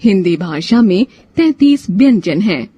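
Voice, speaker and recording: A woman reading a Hindi grammar lesson in scripted narration, spelling out sounds letter by letter in a measured, deliberate way. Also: medium pitch, big pitch swings, warm tone, breathy edge, dry recording. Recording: dull, muffled lo-fi sound.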